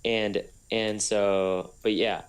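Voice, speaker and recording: This young man co-hosts a relaxed podcast and tells a story in a somewhat deep voice, delivered flatly and extremely slowly. The chat is casual, and he wanders, starts his sentences over often, and circles back to his point.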